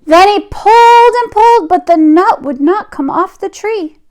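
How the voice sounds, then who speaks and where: A woman with a very high-pitched voice reads a picture book aloud to children. She's expressive, draws out words for emphasis and adds chatty asides.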